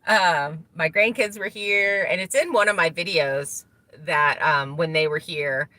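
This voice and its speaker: A woman's voice: lowish voice, a little slow, pushed and bright, dry recording. A middle-aged woman hosting a live stream from inside a truck, telling stories in a chatty way and laughing often. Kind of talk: casual live-stream chat.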